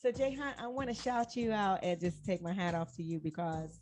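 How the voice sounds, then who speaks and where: A woman co-hosting a casual show, bantering, laughing and giving shout-outs. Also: medium pitch, fairly even intonation, brisk, soft background music. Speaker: co-host.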